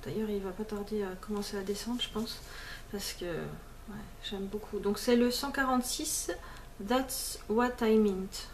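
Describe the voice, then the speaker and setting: A beauty vlogger at home chats to the camera in a relaxed, unhurried, rambling way, with plenty of fillers, restarts, and the odd English word. Her voice sits at an ordinary middle pitch, and a faint hiss runs under the recording.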